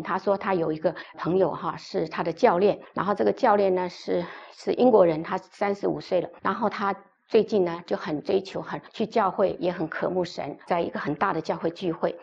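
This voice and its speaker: A woman's voice: on the low side, vocal fry, darkish tone, slightly rough, muffled recording. A woman pastor preaching a sermon, telling a story with emphatic, repeated phrases.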